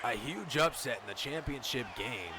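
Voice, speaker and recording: A man's voice: medium pitch, animated, moderate pace. A man giving American football play-by-play commentary in a dramatic, emphatic broadcaster style. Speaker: play-by-play commentator of a football video game league stream. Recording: clear background noise.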